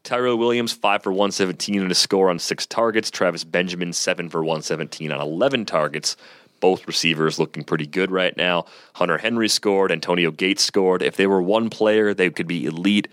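A man's voice: sits low, steady tone, a little fast, fairly bright tone, no echo. A man co-hosting a sports podcast, running through game stats in a dry, clipped way. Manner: dry, clipped stat rundowns. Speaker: podcast co-host. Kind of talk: casual sports chat, reading stats.

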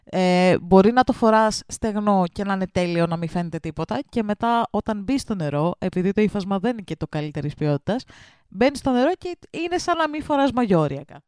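A woman co-hosts a casual podcast, reading listener stories with animated, lively delivery. Her voice sits at an ordinary middle pitch. The recording is dry, with no room echo. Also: clean tone. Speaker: podcast co-host.

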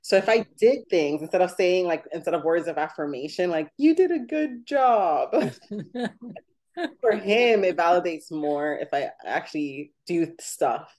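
A woman's voice: fairly low pitch, lively intonation, measured pace, a little mellow. A woman in her thirties hosting a podcast, chatty and laughing often, with lots of "like" fillers. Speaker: podcast host. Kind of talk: casual podcast chat.

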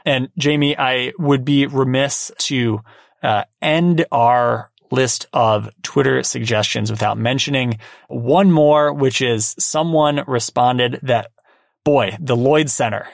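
Gravelly-voiced man co-hosting a podcast. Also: medium pitch, takes it slowly, dry recording, clean studio sound. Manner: relaxed, wry, hesitant with restarts. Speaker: podcast co-host. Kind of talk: casual chat.

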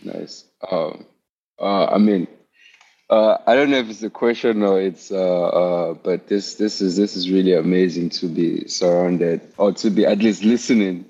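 A young man from Cameroon with a very low, mellow voice, speaking haltingly and repeating words as he works out his question. His video call audio sounds dull and lo-fi. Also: steady tone, slightly rough. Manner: hesitant, restarts, many "uh"s and repeats. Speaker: caller asking a question.

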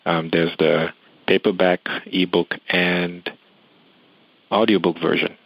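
Deep-voiced man from Cameroon. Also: steady tone, slow pace, gravelly, no echo, rough recording. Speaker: guest. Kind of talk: casual interview.

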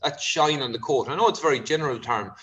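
A man's voice: medium pitch, fast talker, a bit bright, dull audio. A man from Kerry with a west of Ireland accent, explaining things conversationally as an expert vet, with informal asides. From County Kerry, Ireland.

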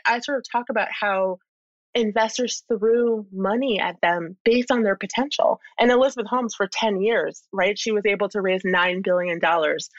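A woman with a mid-pitched voice appears as an interview guest and expert commentator, thoughtfully laying out her argument and stressing key points in a conversational flow. The recording is dry and slightly muffled.

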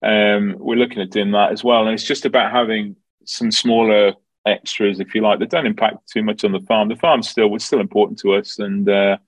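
A man's voice: lowish voice, little pitch movement, a little fast, no echo, rough recording. A man with a Dublin Irish accent giving informal, explanatory answers in an interview about his work. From Dublin, Ireland. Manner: explanatory, informal, peppered with 'you know'. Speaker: farm manager, interview guest.

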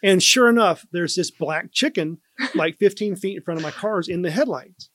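A man with a slightly higher-than-average voice tells a work story in a loose, chatty way, full of "like" and "um". The sound is close and dry, with no room around it. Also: moderate pace, no room sound. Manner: relaxed anecdote teller, lots of "like" and "um". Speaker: first responder guest. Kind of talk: casual storytelling on a podcast.

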